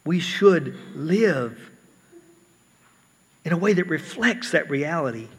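A man's voice: a little high, expressive, slow, slightly rough, in a large hall. A man preaching a sermon earnestly, often repeating words as he explains.

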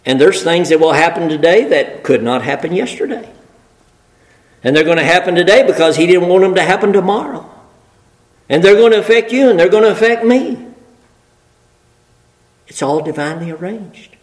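Lively, emphatic male preacher. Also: sits high, moderate pace, pauses often, poor audio. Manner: emphatic, folksy, repeats phrases in rhetorical lists. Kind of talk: sermon.

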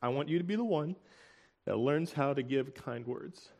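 A young man preaching a sermon, earnest and emotional, with halting restarts and soft laughs. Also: medium pitch, animated.

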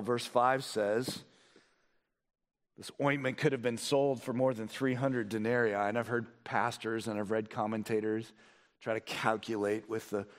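A man preaching a sermon as pastor, asking his listeners one question after another, his voice climbing and falling as he drives each point home. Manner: preaching with rhetorical questions and sweeping rises and drops in pitch. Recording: long reverb of a large hall.

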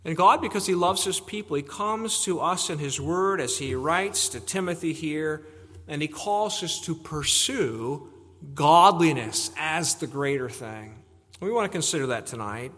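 Bright-voiced preacher in a reverberant hall. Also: male voice, fairly high pitch, lively intonation, measured pace. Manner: earnest, emphatic preaching with repetitions. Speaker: pastor. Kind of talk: sermon.

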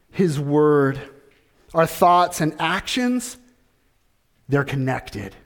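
A middle-aged male pastor delivers a sermon at an unhurried, deliberate pace. His voice sits a little high for a man. He leans on repeated phrases and rhetorical questions.

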